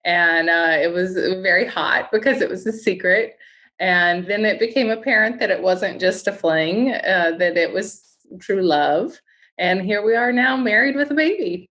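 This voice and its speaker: A woman's voice: mid-range voice, measured pace, fairly bright tone. A woman from West Virginia with an Appalachian accent, chatting as a guest chef in a casual interview.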